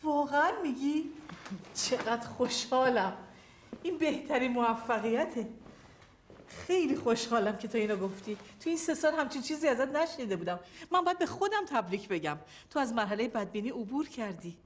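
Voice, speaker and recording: A woman's voice: a little high, lively intonation, slight background noise, lightly acted. An actress playing a coaxing female therapist. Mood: soothing. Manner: soothing, coaxing therapist talk. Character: middle-aged female therapist, sweet-talking but scheming. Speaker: psychologist. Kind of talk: film acting.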